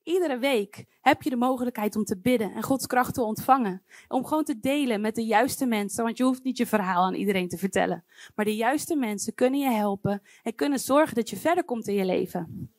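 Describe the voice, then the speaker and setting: A woman's voice: fairly high pitch, brisk, dry recording, clean studio sound. A woman preaching a sermon to her congregation, earnest and pleading, speaking directly to her listeners.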